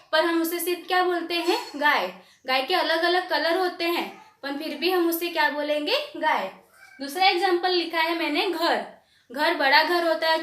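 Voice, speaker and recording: Dictating grammar definitions slowly to young pupils, a woman speaks with a high voice and a bright, forceful tone. She poses questions only to answer them herself, with echo from the room around her.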